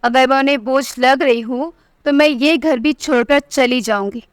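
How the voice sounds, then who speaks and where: A proud, defiant young wife with a sharp, cutting way of speaking, as a woman storyteller puts her on. The voice sits high and sounds smooth and clear. It is recorded dry and close. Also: normal speed, no room sound, lightly acted. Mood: angry. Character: proud angry young married daughter. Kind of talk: storybook narration.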